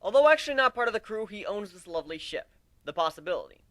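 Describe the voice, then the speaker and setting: Brash griffin captain played by a man, high, swooping, commanding delivery for a fantasy story. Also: sing-song, quick pace, dry recording. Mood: loud, commanding. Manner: loud, commanding, speechifying. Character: brash, cocky male griffin captain addressing his crew.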